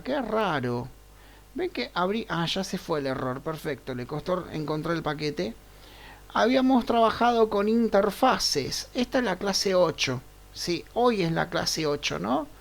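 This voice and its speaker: Slow, gravelly man teaching a coding class. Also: high voice. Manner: unhurried, checks in with frequent "right?" tags. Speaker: programming teacher. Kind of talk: live online class, thinking aloud over screen share.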